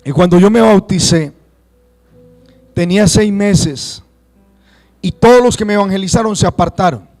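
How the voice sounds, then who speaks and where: A Colombian man preaching a sermon to his congregation, rising to shouts and acting out churchgoers' excuses. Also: high-pitched, normal speed, long pauses, faint music behind. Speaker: pastor.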